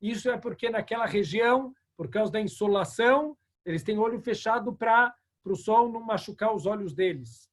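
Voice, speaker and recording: A rabbi teaching a lesson over a video call, with a fairly high voice for a man. He tells stories with animation and slips into the characters' lines. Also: moderate pace, hardly any pauses. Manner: animated storyteller, acting out dialogue. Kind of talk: religious ethics lesson with storytelling.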